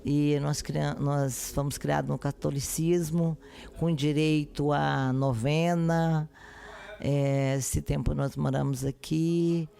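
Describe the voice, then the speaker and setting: Lady pastor, slow earnest testimony, gravelly low-key voice. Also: warm tone. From Brasília, Brazil. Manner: slow, earnest, devout phrasing. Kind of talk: testimony in podcast interview.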